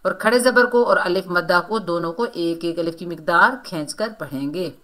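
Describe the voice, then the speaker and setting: A woman teaching Quran recitation rules, explaining each sound and then reciting words slowly. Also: lowish voice, fairly bright tone. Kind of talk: tajweed lesson, explaining and reciting.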